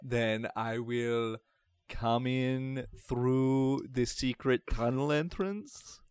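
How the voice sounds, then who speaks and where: A man's voice: mid-range voice, drawn-out words, a little mellow, clean tone, no echo. A man playing a tabletop game, speaking hesitantly and joking about the plot. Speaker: player.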